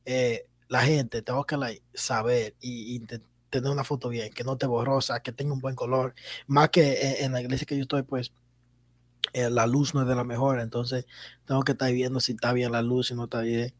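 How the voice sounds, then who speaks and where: A man's voice: mid-range voice, little pitch movement, moderate pace, no echo. A man who takes church photos, chatting casually on a podcast and laughing often.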